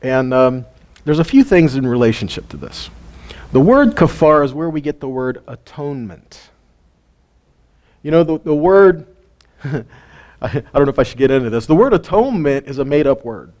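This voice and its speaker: Speaking at normal speed with frequent pauses, this man has a medium-pitched, very animated voice that is a little mellow. He teaches a weekly Torah lesson to a live group in a casual, conversational style, posing questions and laughing softly between points.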